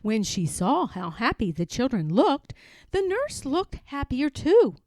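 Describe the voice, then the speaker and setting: A woman reading a children's picture book aloud in an expressive, sing-song way. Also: sits high, measured pace, dry recording, studio quality. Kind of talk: storybook read-aloud.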